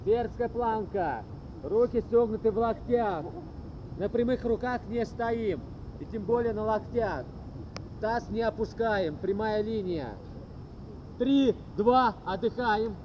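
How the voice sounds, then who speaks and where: A man's voice: high-pitched, slow. A man coaching a group workout like a gym bro, giving commanding, short, repeated cues and counts. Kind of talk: loud group workout instruction, counting and cueing. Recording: muffled, noisy outdoor recording with traffic.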